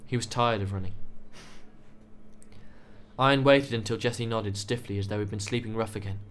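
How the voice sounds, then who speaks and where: Steady male audiobook narrator. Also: fairly low pitch, moderate pace. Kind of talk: scripted novel narration.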